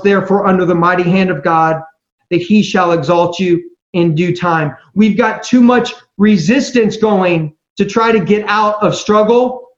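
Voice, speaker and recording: Male preacher at a pulpit mic; high-pitched, roomy and slightly muffled sound, earnest delivery. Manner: earnest, emphatic, slows down for scripture. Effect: preaching into a pulpit microphone. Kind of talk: sermon.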